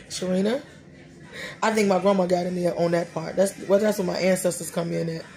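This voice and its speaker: In a small room before a dark curtain, a woman in her thirties hosts a relaxed faith podcast. Her voice sits on the low side and is creaky, and she speaks fairly quickly. She's animated and preachy, often talking to herself with laughing asides.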